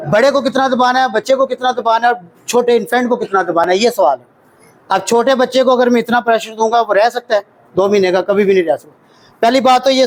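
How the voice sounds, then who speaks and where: A man's voice: sits high, rough recording. A man with a Pakistani Urdu accent teaching a hands-on CPR workshop, drilling counts aloud and quizzing his class. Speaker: CPR trainer. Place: training workshop room with children.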